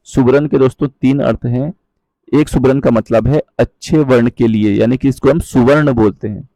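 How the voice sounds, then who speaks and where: A man teaching a Hindi grammar lesson, explaining patiently, checking in with his viewers often and reciting verse lines slowly. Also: medium pitch, mellow. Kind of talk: online exam-prep lesson.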